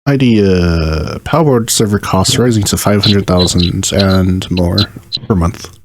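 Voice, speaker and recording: A man's voice: low voice, slow pace, dry recording. A man co-hosting a casual podcast, laid-back and dryly joking. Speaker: podcast co-host.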